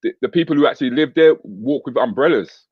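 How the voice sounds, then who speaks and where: A man's voice: mid-range voice, animated, fast, husky, no room sound. A British man hosting a casual online chat show, teasing his guest in a jokey, laid-back way. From Britain. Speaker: comedian host. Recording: dry, slightly muffled call audio.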